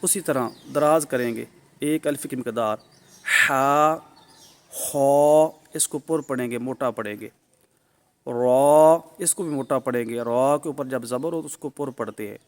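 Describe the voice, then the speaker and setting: A middle-aged man teaching a Quran recitation lesson, patient and repetitive, drawing out each syllable he models. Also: mid-range voice. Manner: patient, repeats points, models each syllable loudly and drawn out. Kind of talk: alphabet pronunciation lesson.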